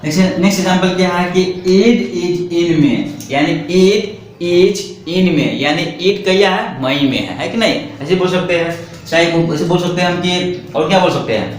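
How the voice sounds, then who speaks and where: A man with a slightly high voice teaches a spoken English lesson in Hindi. He keeps asking the viewer questions, answers them himself, and says each English sentence slowly. The room is very echoey, with a faint hiss behind him. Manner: slows right down for English example sentences.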